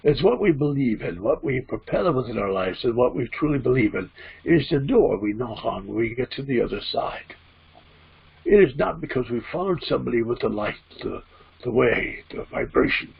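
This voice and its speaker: A man voicing a spirit guide as a trance medium at a seance, teaching solemnly and deliberately in a gravelly, husky voice. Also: mid-range voice, lively intonation, full character voice. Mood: solemn, admonishing. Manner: seance medium manner, preachy, deliberate, emphatic repeated phrasing. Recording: dull, muffled lo-fi audio.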